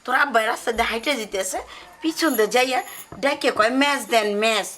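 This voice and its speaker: A woman's voice: a little high, fast talker, noisy background, lightly acted. An actress playing a fussing village mother who scolds her daughter about a rude son-in-law. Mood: scolding. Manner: scolding, calling out loudly. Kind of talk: rural comedy drama acting.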